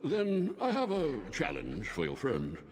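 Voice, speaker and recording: A man voicing a huge, lazy, condescending demon in bear form, a video game riddler who drawls slowly like a sphinx. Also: fairly high pitch, huge pitch swings, a little mellow, full character voice. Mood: slow, taunting. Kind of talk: fantasy video game voice acting.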